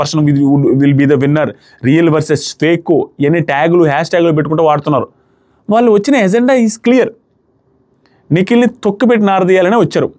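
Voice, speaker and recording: A man's voice: sits high, darkish tone. A man giving a casual, emphatic review of a reality show episode, retelling scenes in quoted lines.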